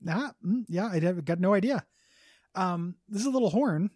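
A man co-hosting a podcast in casual chat, blunt and jokey, quick to vent. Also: high voice, lively intonation, darkish tone, no room sound, clean studio sound. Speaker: podcast co-host.

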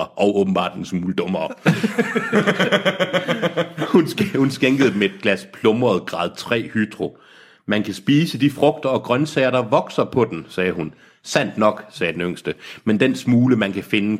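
Husky low-voiced man reading a story aloud. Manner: laughing, mocking the text as he reads. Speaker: reader of a novel on a comedy podcast. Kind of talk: reading aloud with joking asides.

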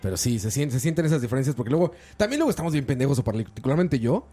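A man's voice: medium pitch, sing-song, very fast, dark tone, soft background music. A young man co-hosting a casual podcast chat, joking and teasing and laughing often. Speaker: podcast co-host.

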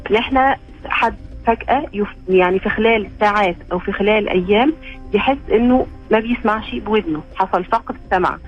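A woman's voice: medium pitch, fast talker, lo-fi sound, faint music behind. A female doctor with an Egyptian Arabic accent, giving explanations as a radio guest and checking that her listener follows along. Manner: explanatory, checks understanding with "okay?".

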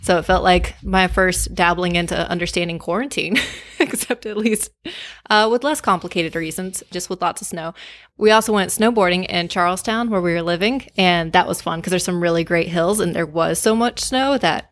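A woman co-hosting a podcast, telling relaxed, cheerful stories in casual chat. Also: lowish voice, moderate pace, dry recording. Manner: relaxed, cheerful storytelling with soft laughs. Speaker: podcast co-host.

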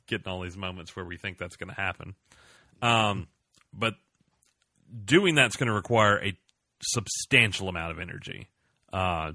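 Low, bright-voiced man recapping an episode. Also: dry recording. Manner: animated, joking, retells scenes in quick asides. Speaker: podcast host recapping a TV episode. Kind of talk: casual recap chat.

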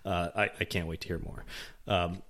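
A man's voice: deep voice, fairly even intonation, normal speed. A man hosting a casual podcast, chatting and laughing as he reads listener reviews aloud. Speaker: podcast host.

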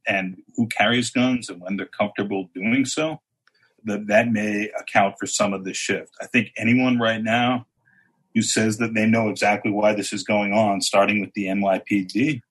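A man on a discussion panel who explains things in a measured and wry way. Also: lowish voice, steady tone, a bit bright, slightly rough, poor audio. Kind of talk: casual political discussion.

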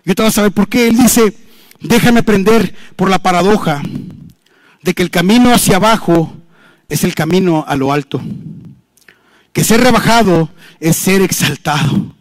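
Male pastor, very high voice, impassioned sermon delivery, dry close recording. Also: moderate pace, pauses often, no echo. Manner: impassioned preaching, often drops low and soft on "hermano".

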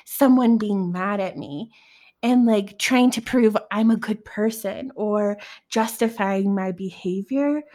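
A woman's voice: medium pitch, slow pace, warm tone. A woman co-hosting a podcast, talking candidly and reflectively in casual chat, with many filler words.

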